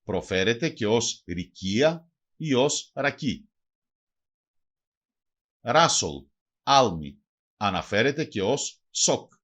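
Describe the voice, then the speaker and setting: A man narrates a scripted bilingual language lesson, with an animated rise and fall in pitch around an ordinary middle register for a man. He gives each word and then its translation in a steady, measured teaching rhythm, his voice carrying a breathy edge.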